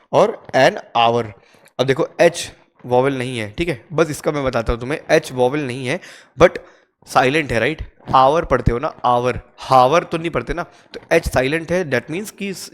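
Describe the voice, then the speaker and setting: A man with an Indian accent talks through an English grammar lesson. His pitch sits in the middle range, and he keeps it casual and chatty. He drills each rule slowly and keeps checking that his listeners follow. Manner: chatty, repeats "theek hai" often, drills rules slowly. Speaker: English teacher.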